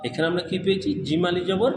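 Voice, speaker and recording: A man's voice: high-pitched, very fast, noisy background. A man teaching Quran letter reading, asking questions and answering them himself, drawing out the syllables in a sung way. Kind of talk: step-by-step recitation lesson. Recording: echoey room with long reverb.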